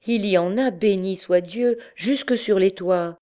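A woman's voice: medium pitch, measured pace, dark tone, voice pushed up, lightly acted. A woman doing a chatty old noble lady. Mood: nostalgique. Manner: rambling, reminiscing.

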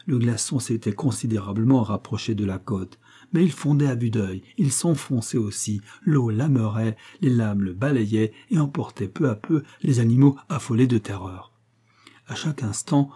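Dark husky male audiobook narrator. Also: mid-range voice, normal speed. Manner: dramatic reading, raises voice for shouted lines. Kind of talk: scripted narration of a classic novel.

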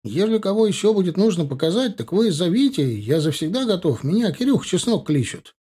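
A brash peasant boy, boastful and eager, with a raised, chattering, folksy voice, as a male audiobook reader puts him on. The boy sounds loud and pushy, with a slight huskiness in his tone. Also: sits high, big pitch swings, brisk, slightly rough, pitched above the performer's own voice, heavily acted.

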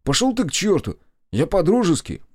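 A man's voice: mid-range voice, big pitch swings, normal speed, mellow, dry recording, studio quality, voice pushed up, close to an everyday voice. A man voicing a touchy, newly rich friend who speaks curtly and takes offence easily in an audiobook. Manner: curt, hissing, easily offended.

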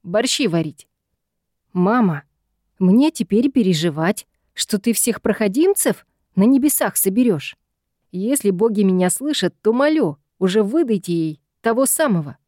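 A weary grown son from a fantasy audiobook, speaking in exasperated, pleading tones, read by a woman. The voice is mellow and unforced. It is recorded dry and close. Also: medium pitch, animated, moderate pace, no echo, lightly acted.

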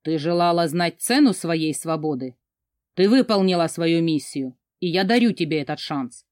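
A woman's voice: lowish voice, animated, normal speed, a little mellow, dry recording, clean studio sound, close to an everyday voice. A woman voicing an arrogant, cold male commander who taunts and mocks. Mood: taunting. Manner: taunting, mocking.

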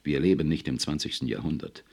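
A man's voice: extremely low pitch, fast, creaky, darkish tone, full character voice. A man reading an audiobook, voicing a cheerful, stubborn older male science writer who speaks with jaunty confidence. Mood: indignant. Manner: jaunty, then indignant.

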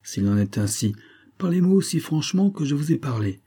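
A man's voice: fairly high pitch, very animated, fairly quick, mellow, husky, voice pushed up. A man voicing a jealous young baronet in an audiobook, speaking intensely and earnestly.

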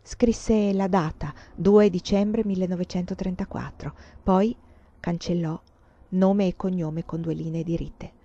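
A woman reading a novel aloud in a measured, expressive way. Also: lowish voice, dull audio. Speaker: audiobook reader. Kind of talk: literary narration.

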